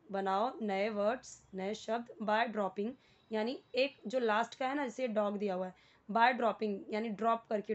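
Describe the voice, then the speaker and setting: Patient Indian woman teacher, muffled sound. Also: on the high side. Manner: patient, repeats and spells out words letter by letter. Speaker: English teacher. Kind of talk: explaining a worksheet lesson.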